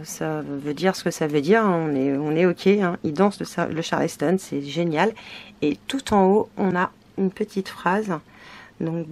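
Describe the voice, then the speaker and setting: A woman from France, a scrapbooking vlogger, casually chats her way through unboxing craft papers, pausing a lot and leaning on fillers. Her voice is lowish, and there's slight background noise.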